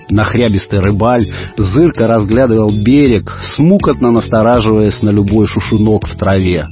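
A man narrating a children's story in an expressive, storyteller manner. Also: lowish voice. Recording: dull radio recording, faint music.

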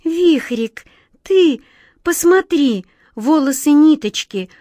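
A woman's voice: high voice, lively intonation, unhurried, a little mellow, dry recording, studio quality, pitched above the performer's own voice. Woman playing a timid little girl. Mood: plaintive. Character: small gentle girl, timid and hopeful.

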